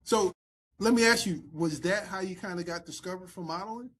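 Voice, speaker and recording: A man hosts a talk show and puts his questions to the guest in a relaxed, chatty way. His voice sits somewhat high for a man. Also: brisk. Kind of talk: casual interview conversation.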